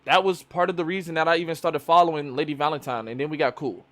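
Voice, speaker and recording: Animated, profane Chicago man. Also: a little high, fast. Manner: loose, profane, animated storytelling. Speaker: streamer host. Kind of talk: casual chat. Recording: live stream chat.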